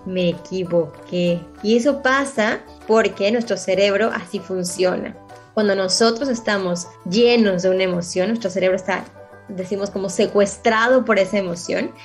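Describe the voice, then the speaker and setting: A woman, a psychologist interviewed on a children's radio show, explaining patiently and checking in with her listeners. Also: medium pitch. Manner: patient, explanatory, often asks the listener "¿verdad?". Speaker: psychologist guest.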